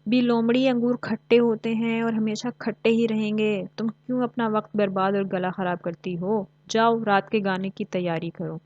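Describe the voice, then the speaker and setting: A woman's voice: medium pitch, fairly even intonation, normal speed, hardly any pauses, a little mellow, no room sound, close to an everyday voice. Lady doing a clever little cuckoo bird, bossy scolding storybook voice, dry dull recording. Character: clever quick-witted female cuckoo bird.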